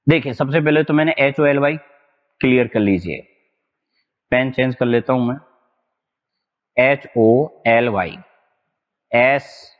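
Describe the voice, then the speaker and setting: Indian man, exam vocab teacher, lo-fi with long reverb, keeps checking students follow. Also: mid-range voice. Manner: drills words, keeps asking "is that clear?". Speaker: exam-prep English teacher. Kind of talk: online vocabulary lesson.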